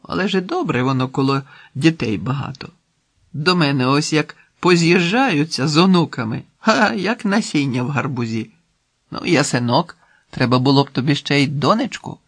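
A man's voice: a little high, animated, normal speed, fairly bright tone, no room sound, clean studio sound. A man voicing an elderly village woman who chats in a homely, folksy, motherly way, read aloud in an audiobook story. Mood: folksy, chatty.

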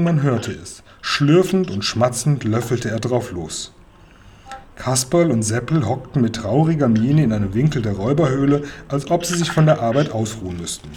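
A man reads a children's storybook aloud at a measured, even pace. His voice is husky and average in pitch. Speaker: audiobook reader. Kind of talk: storybook narration.

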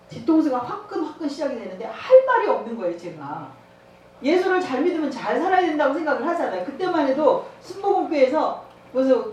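A woman's voice: sits high, darkish tone, slight background noise. A woman giving a sermon with a personal testimony. She acts out dialogue as she tells the story and laughs often. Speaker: evangelism trainer. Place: church. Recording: echoey church hall, mic at a distance.

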